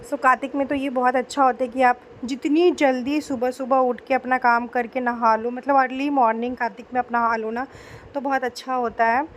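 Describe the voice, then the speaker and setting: A young woman with a sore throat narrating a home vlog in a chatty, homely voice-over, speaking gently. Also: sits high, little pitch movement, fairly quick, a little hiss or hum. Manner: chatty, homely, mixes in English words. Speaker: vlogger.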